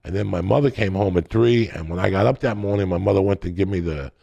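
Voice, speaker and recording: A man's voice: sits low, fast, vocal fry, dark tone, muffled recording. A middle-aged man, telling wild stories in casual, profane podcast chat, often breaking into laughter. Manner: profane, rambling, laughing storyteller.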